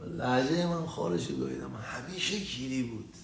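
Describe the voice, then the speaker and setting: A man's voice: medium pitch, creaky. Profane, rambling man in an echoey room. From Tehran, Iran. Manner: crude, profane, rambling and animated. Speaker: vlogger telling personal stories. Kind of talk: casual storytelling monologue. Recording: echoey room with faint ambient noise.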